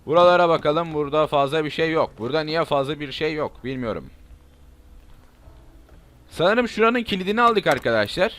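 Excitable young man narrating gameplay. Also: fairly high pitch, brisk, long pauses. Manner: excitable, shouts and curses at zombies. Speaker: gaming YouTuber. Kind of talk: let's play commentary.

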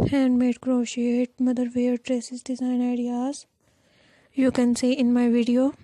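A woman's voice: on the high side, dark tone, no room sound, poor audio. A woman with a sore throat hosting a scripted slideshow voice-over in a repetitive, formulaic way. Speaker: YouTube channel host.

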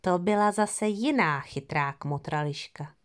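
A woman's voice: lowish voice, natural voice. A woman voicing a hunter father telling a fox story to his young son in an audio fairy tale. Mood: storytelling.

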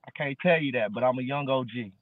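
A man's voice: medium pitch, quick pace, no echo. Brief: laid-back man in his early thirties, slangy musician guest, dry tinny video-call sound. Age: early 30s. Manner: laid-back street slang, fillers like bro. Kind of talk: casual interview chat. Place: dark room at home.

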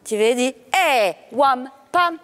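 Lively woman coaching a ballet student. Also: sits high, slow pace. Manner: mixes languages, counts and sings out rhythms. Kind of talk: coaching a dancer in class.

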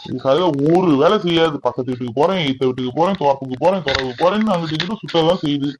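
A man's voice: on the high side, very fast, background noise, lightly acted. A man playing a sarcastic stern older brother. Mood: mocking. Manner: sarcastic, dismissive.

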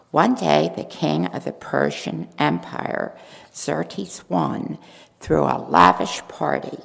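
In a large church sanctuary, an older woman reads Queen Esther's part in a first-person dramatic monologue from a stand mic at a lectern, telling the story with quiet resolve. Her exaggerated voice is low, gravelly, and unhurried as she reads steadily and earnestly from the script, her words ringing on in a long church reverb.

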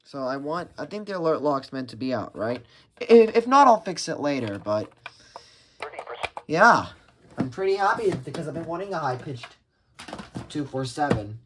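A man giving casual unboxing commentary as a radio collector, talking in a halting way with many restarts and fillers. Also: on the high side. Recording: steady background noise with packaging crinkles and clicks.

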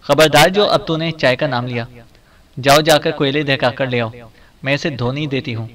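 A loud, shrill old mother who scolds everyone around her and holds fast to her superstitions, as a male narrator puts her on in an audiobook. Her voice rises sharply and hits hard, pushed well above the reader's usual level. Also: close to an everyday voice. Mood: angry scolding.

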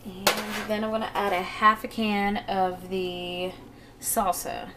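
Woman, home vlogger, mid-range pitch, informal, slangy, playful, handheld camera, clear background noise. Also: little pitch movement, slow. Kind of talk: casual vlog chat with narrated cooking.

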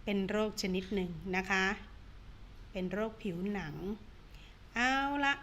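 Slow, sing-song woman teacher drilling words. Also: mid-range voice, fairly even intonation, a bit bright, a little hiss or hum. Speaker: primary school teacher. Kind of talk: online reading lesson.

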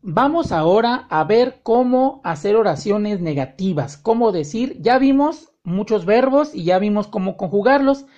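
A woman teaching an online language lesson, speaking directly to the learner and drawing out her example sentences slowly. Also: medium pitch, animated, dark tone, dull audio. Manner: slow, drawn-out example sentences, friendly direct address. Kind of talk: online lesson explaining grammar.

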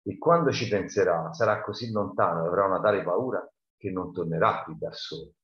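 A man's voice: low voice, a little fast, fairly bright tone. A man reading as a cold scheming killer. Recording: roomy, dull lo-fi sound.

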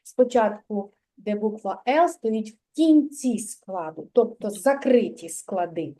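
Повільна, терпляча вихователька. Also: female voice, mid-range voice, lively intonation, mellow. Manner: slow, patient, praising and prompting. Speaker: kindergarten teacher. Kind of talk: early literacy lesson with a child.

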